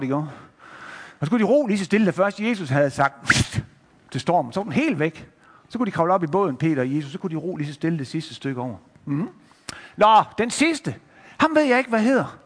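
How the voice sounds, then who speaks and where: A man telling a Bible story to children, lively, showing pictures and addressing the listeners directly. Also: high voice, long reverb tail.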